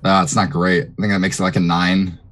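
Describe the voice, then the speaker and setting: A man's voice: deep voice, steady tone, a little fast, fairly bright tone. A man playing a tabletop role-playing game, talking casually and hesitantly, often trailing off and restarting. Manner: rambling, hesitant, with many restarts and fillers. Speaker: player.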